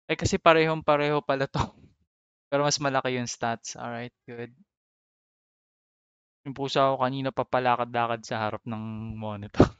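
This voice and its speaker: A man's voice: medium pitch, steady tone, normal speed, long pauses, fairly bright tone, smooth, no echo, dull audio. A man chatting casually while gaming, reading out item names and mixing in English. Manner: reads out item names, code-switching, chuckles. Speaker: gamer co-host.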